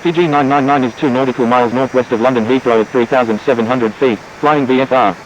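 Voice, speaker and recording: A man's voice: medium pitch, steady tone, fast talker, slight background noise, rough recording. A man acting as a pilot, giving terse, clipped radio calls heard through a cockpit headset radio.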